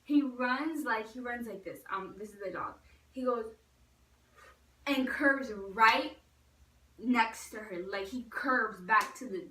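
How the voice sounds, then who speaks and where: Bright-voiced young woman in an echoey room. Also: fairly high pitch, far from the mic. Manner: chatty storytelling, acting out quoted voices loudly. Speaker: vlogger. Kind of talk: casual storytime vlog.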